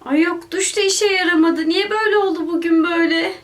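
A woman's voice: extremely high pitch, a little fast. A woman narrating a toy-game role-play as a tired mother, sighing and scolding.

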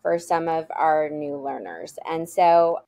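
A woman's voice: low voice, fairly even intonation, takes it slowly, creaky, warm tone, no room sound. A woman guest telling heartfelt stories about her school in a casual interview over a video call. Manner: earnest, heartfelt storytelling.

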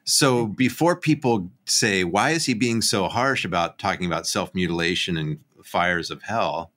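A man with a low voice talks over a webcam in a casual discussion of a Bible text. His tone is bright and forward, and he lays out his point steadily, one step at a time. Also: normal speed. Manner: explanatory, building a point steadily. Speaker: podcast co-host, biblical studies professor. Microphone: webcam on a video call.

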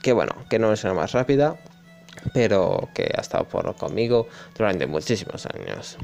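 A man playing a game at home on a headset, reading out and translating its dialogue in a slow, rambling way. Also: lowish voice, sing-song, creaky, darkish tone. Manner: slow, rambling, swearing casually. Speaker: gaming YouTuber. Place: home room. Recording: faint game music behind.

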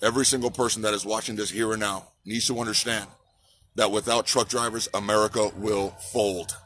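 A man's voice: lowish voice, steady tone, a little fast, fairly bright tone, a little hiss or hum. A man in his forties giving an impassioned outdoor protest speech, repeating slogans and asking the crowd to answer back, recorded on a phone held at arm's length. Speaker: trucker activist. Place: outdoors on a city sidewalk by a park.

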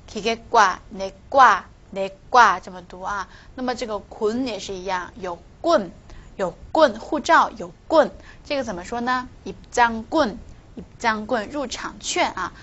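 A woman's voice: mid-range voice, fairly bright tone. Woman teaching pronunciation, dull recording. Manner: explains patiently, repeats example words slowly and stresses them. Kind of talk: online language lesson.

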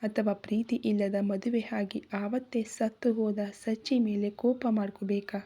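A woman voicing a hurt, tearful young wife who speaks slowly and softly in questions. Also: medium pitch, little pitch movement, breathy edge, natural voice. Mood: bitter.

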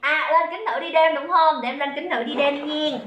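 Young saigon girl selling stuff on a livestream, southern vietnamese accent, high bright voice, chatty and jokey, roomy echo. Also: moderate pace, a little hiss or hum. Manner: chatty, greets viewers by name, jokey banter. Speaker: livestream seller. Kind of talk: live sales stream.

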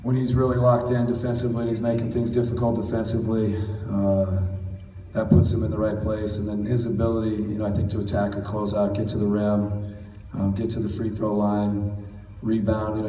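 Coach at a press table, measured and steady, low flat delivery, caught from far back in an echoey room. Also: male voice. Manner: measured, steady, many "you know" fillers. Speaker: basketball head coach. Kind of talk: postgame press conference answers. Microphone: table mic, recorded from far in the audience. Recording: roomy, distant, faint hall noise.

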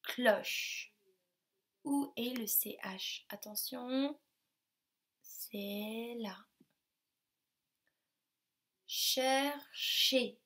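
A woman teacher speaks to young children at a very unhurried pace, her voice pitched a touch high. She sounds out syllables one by one and keeps each step simple. She encourages the children often throughout the lesson. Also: a bit bright. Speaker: primary school teacher. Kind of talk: remote phonics and maths lesson for young children.

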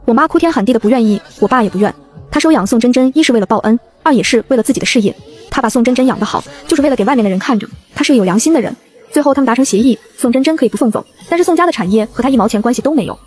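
A woman narrating a first-person novel as an audiobook reader, in a brisk storytelling manner. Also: fairly high pitch, expressive, a little mellow, breathy edge.

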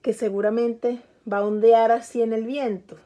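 A young donkey boy from a picture book, voiced by a woman, childlike and pleading. His voice sits a little high. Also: little pitch movement, normal speed, dark tone, lightly acted. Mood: pleased.

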